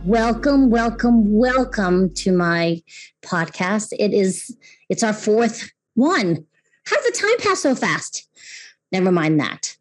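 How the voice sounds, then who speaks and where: A Taiwanese woman in her fifties hosts her podcast, mixing scripted intro narration with casual personal talk. She speaks earnestly at a slow pace in a sing-song, medium-pitched voice, often restarting and repeating words. Faint music plays behind her, and the recording is low quality.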